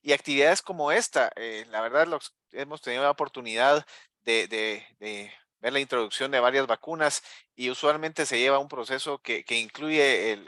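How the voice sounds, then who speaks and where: A man, a physician on a panel, speaking in a measured, hedging way with fillers. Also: mid-range voice, sharp tone, dry recording, clean studio sound. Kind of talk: panel discussion.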